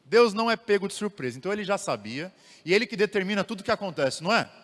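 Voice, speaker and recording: Brazilian man, young adult, Bible teacher, lively questioning style, fairly high voice, long hall reverb. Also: fast talker. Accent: Brazilian Portuguese. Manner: animated, asks the audience rhetorical questions. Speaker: theology teacher. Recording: long reverb of a large room.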